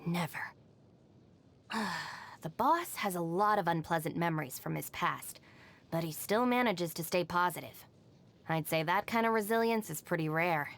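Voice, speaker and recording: Kuki Shinobu, low-voiced, level-headed. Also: female voice, normal speed, a bit bright. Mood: composed, matter-of-fact. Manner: composed, matter-of-fact, dry. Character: level-headed, self-reliant young woman, deputy of a rowdy gang. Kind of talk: scripted video game character voice lines. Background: background music.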